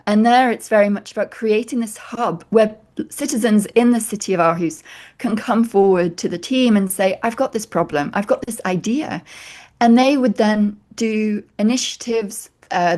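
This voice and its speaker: A woman author as an interview guest, giving measured, reflective answers that build points in lists. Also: mid-range voice, darkish tone.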